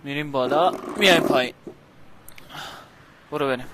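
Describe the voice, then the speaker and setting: Man vlogging a workout over background noise. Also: on the high side. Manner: informal, addressing viewers, calling out exercises and reps. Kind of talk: casual workout vlog talk. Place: outdoors on a house rooftop.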